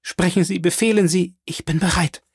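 A man's voice: medium pitch, expressive, unhurried, creaky, a little mellow, dry recording, studio quality. A man reading an audiobook, voicing a pious young woman in despair who pleads fervently and through tears. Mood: resolute, fervent.

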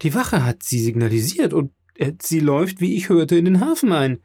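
A man's voice: medium pitch, very animated, moderate pace, darkish tone, husky, no room sound, studio quality. A man voicing an eager young son bringing news in a read-aloud novel.

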